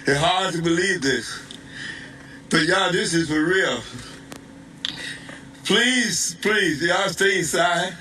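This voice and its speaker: A man's voice: high-pitched, slow, pauses often, sharp tone, far from the mic, a little hiss or hum, poor audio. A shaken man, filming on a phone outdoors and pleading urgently, repeating himself. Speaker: bystander filming a street scene. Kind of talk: urgent live phone report. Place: outdoors on a city street. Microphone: phone held in hand.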